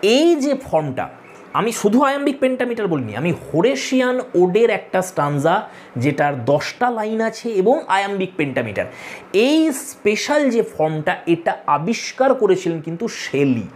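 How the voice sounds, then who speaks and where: A man's voice: sits high, big pitch swings, moderate pace. Man tutoring, repeating key points. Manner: addresses students directly, tells them to take notes. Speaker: literature tutor. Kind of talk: online lecture to exam students.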